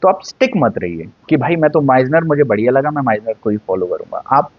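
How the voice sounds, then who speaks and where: A man's voice: medium pitch, big pitch swings, brisk, no echo. Man, acting teacher, chatty explainer who keeps checking in; dry, slightly muffled recording. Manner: conversational, mixes Hindi and English, frequent checking "है ना?". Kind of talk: casual Hindi-English lesson. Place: indoors, seated.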